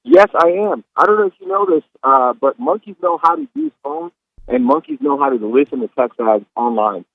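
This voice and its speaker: Guy doing a rambling monkey caller, fuzz-distorted tinny phone, gravelly and bouncy. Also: sits high, brisk, no echo, full character voice. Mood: defiant. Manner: defensive, rambling, excitable. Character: brash male monkey caller defending himself. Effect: distorted, fuzzy phone line. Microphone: phone held too close.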